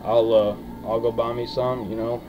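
A man's voice: mid-range voice, level tone, dull audio. Young man talking around lipped dip. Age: young adult. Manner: talks with a lip full of dip; folksy, drawn-out hesitant delivery. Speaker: dip review vlogger. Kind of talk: casual rambling chat to camera. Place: small wood-panelled room indoors. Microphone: webcam mic at arm's length. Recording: country music playing behind the voice. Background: country music.

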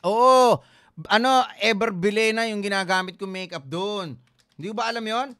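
Brief: male sports show host, high and bright voice, animated and teasing, casual code-switching chat. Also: moderate pace, smooth. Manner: mixes English into his talk.

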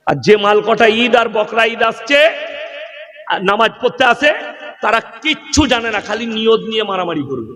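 High-voiced preacher with a Bengali accent. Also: male voice, animated, moderate pace, sharp tone, long reverb tail. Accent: West Bengal (Bardhaman). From West Bengal, India. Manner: mocking, fires rhetorical questions at the crowd. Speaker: Islamic preacher. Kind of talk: humorous sermon.

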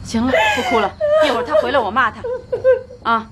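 An actress playing a sharp-tongued middle-aged mother-in-law who scolds in a TV drama. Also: fairly high pitch, wildly swooping pitch, fast talker. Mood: soothing. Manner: scolding, exasperated. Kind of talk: TV drama acting. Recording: loud background noise.

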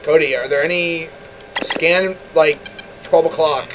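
Terse man leading a flight, higher voice. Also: fairly even intonation, a little slow, noisy background. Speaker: flight leader in multiplayer flight sim. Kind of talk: tactical gameplay voice chat. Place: online voice chat over a flight simulator.

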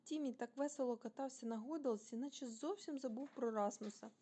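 A woman from Ukraine reading a children's bedtime story aloud, expressive and animated, speaking directly to young listeners. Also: sits high, a little fast.

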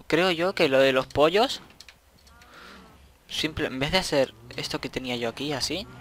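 A man's voice: fairly high pitch, normal speed, a bit bright, slight background noise. A young man, rambling casually to himself while commenting on his gameplay and swearing at the game now and then. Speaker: gaming channel host.

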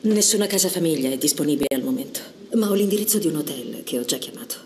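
A lowish female voice, composed and apologetic, as a social worker. The film-drama scene has clear ambient noise behind her. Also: animated, fast, a little mellow. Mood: regretful.

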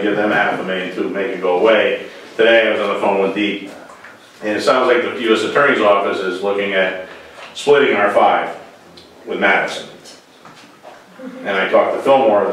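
Talking a little fast in a lowish, slightly bright voice, a first selectman seated at a meeting table discusses town business at length. He's blunt and opinionated, speaking in runs. There's slight background noise, and the distant camera picks him up in a very echoey room.

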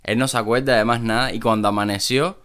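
A man's voice: medium pitch, fairly even intonation, quick pace, a bit bright, slight background noise. A man, co-hosting a casual podcast, reacting with exclamations and slangy asides and telling his own stories. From Cuba. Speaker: podcast co-host. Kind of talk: casual chat.

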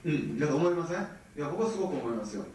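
A man in his thirties with a Kansai accent, giving an animated seminar talk and often checking that the audience follows. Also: fairly high pitch, racing, a little hiss or hum. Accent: Kansai Japanese. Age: 30s. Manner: animated, keeps checking the audience with rhetorical questions. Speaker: business seminar speaker. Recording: very echoey, mic far from speaker.

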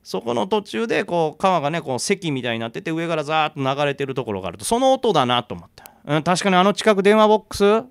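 A man telling a ghost story live in a bar, narrating dramatically and with suspense, building tension through pauses. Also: on the high side, sing-song, clear, resonant tone, dry recording, studio quality.

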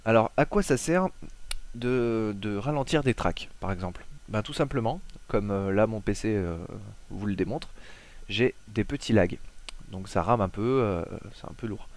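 Lowish-voiced man, hesitant tutorial narrator. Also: normal speed. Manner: relaxed, hesitant with frequent "euh" fillers; talks viewers through steps directly. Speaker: tutorial host. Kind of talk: casual screen-recording tutorial.

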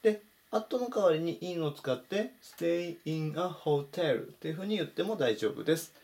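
A man teaching English vocabulary in Japanese, saying each word slowly and clearly in a voice-over lesson. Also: fairly high pitch, animated, a little mellow. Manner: slow, careful spelled-out pronunciation of English words.

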